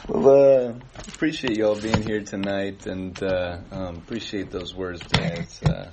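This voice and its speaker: A man giving church announcements, halting with many fillers. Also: sits low, fairly even intonation, noisy background. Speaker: worship leader giving announcements. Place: church service.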